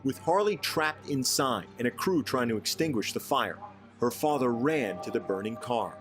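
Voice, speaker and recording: A man giving scripted documentary narration with a measured, dramatic delivery. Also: mid-range voice, expressive. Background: music.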